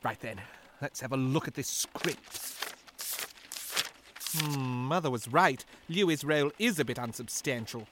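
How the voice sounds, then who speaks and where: A man's voice: mid-range voice, unhurried, long pauses, noisy background, natural voice. An actor playing a self-important young amateur actor who schemes his way into the lead role. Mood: scheming. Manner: grandiose, showy.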